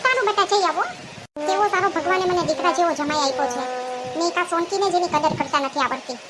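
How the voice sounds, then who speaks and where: A kind, regretful elderly mother-in-law from a cartoon, as a woman puts her on, tender and apologetic. The voice stays very high. A hiss runs underneath. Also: fast talker. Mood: fond. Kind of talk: cartoon voice acting. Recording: noisy background hiss.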